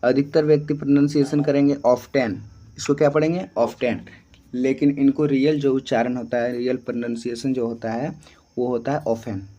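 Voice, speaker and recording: A man's voice: medium pitch, little pitch movement, fairly quick, mellow, dull audio. A young man giving a spoken English lesson, patiently repeating each point and answering his own questions. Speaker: teacher.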